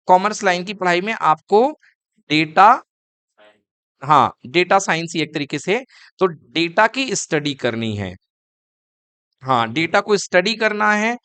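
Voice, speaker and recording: A man lecturing a class, and he keeps asking questions and then answering them. His voice is smooth and resonant, recorded close and dry. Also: sits high, a bit bright, dry recording. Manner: asks students questions and answers them himself; calls students kids and beta. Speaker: teacher.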